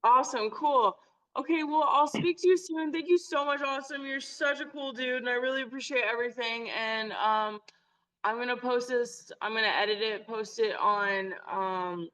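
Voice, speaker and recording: A young woman hosting a podcast, chatty and effusive, full of fillers and warm praise for her guest. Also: a little high, moderate pace, rough recording. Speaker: podcast host. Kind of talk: casual podcast interview.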